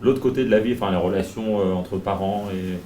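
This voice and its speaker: A man's voice: fairly low pitch, steady tone, fairly quick, dark tone, reverberant, slight background noise. A man interviewing a guest in casual talk, prompting him with short questions.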